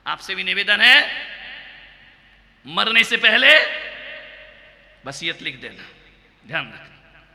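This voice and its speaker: Booming, bright-voiced male preacher in a hall. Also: big pitch swings, slow pace, vocal fry, pauses often. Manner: loud, declamatory preaching that rises to shouts. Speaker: Jain monk preaching. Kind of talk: sermon. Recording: echoey hall with long reverb.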